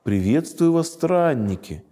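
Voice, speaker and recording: A man's voice: medium pitch, animated, normal speed, a little mellow, pitched above the performer's own voice, close to an everyday voice. A man reading aloud as a beautiful lady with a tender, sing-song voice. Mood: sweet.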